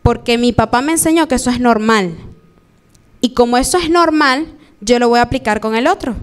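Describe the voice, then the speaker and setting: Venezuelan lady preaching in church, high pitched, animated, does little voices for the people she quotes. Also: fairly quick, clear, resonant tone. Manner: lively, acts out quoted voices. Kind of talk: live sermon.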